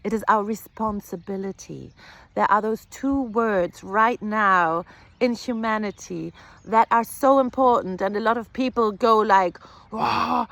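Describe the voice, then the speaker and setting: A woman healer giving an earnest, reflective spiritual talk, repeating phrases and pausing softly. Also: mid-range voice, dry recording. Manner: slow, earnest, with soft pauses and repetitions.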